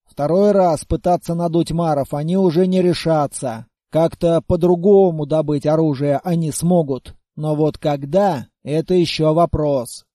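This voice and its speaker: Man reading a calm colonist comrade, dry and practical, dark mellow voice, close dead-dry sound. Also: on the high side, unhurried, few pauses, no room sound, lightly acted. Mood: matter-of-fact. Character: calm, matter-of-fact male colonist comrade.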